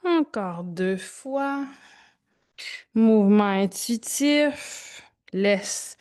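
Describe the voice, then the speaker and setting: A woman yoga instructor with a fairly high voice. She speaks very slowly, leaving pauses between short, gentle cues. Her delivery is informal and calm-paced, as if moving through each posture along with the class. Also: clean tone.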